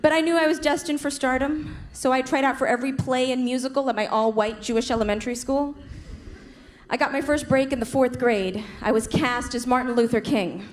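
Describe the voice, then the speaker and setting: A woman from the United States doing a stand-up set on a club stage, with punchy delivery and quick switches into parent voices. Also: high-pitched, fairly even intonation. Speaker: stand-up comedian. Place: comedy club stage with audience laughing. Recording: live club recording with crowd noise.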